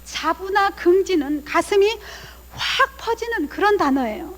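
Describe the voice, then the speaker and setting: A woman in her thirties, a family counselor giving a lively guest lecture to a church audience, acting out parents' words as she talks. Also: very high voice, measured pace, long reverb tail. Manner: animated, acts out parents' lines in quoted voices. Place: church hall.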